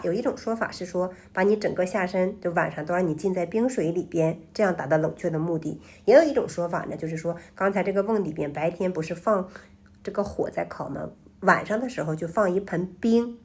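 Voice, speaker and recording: Casting: female suspense storyteller, lowish register, rough-edged husky tone, conversational and explanatory, halting with frequent rephrasing. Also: a little mellow. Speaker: storyteller host.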